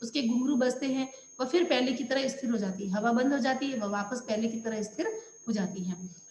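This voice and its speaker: A woman's voice: fairly high pitch, brisk, darkish tone, reverberant, long reverb tail, slight background noise. A woman teacher explaining a play to schoolchildren, stopping to define words one by one. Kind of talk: explaining a school lesson to children.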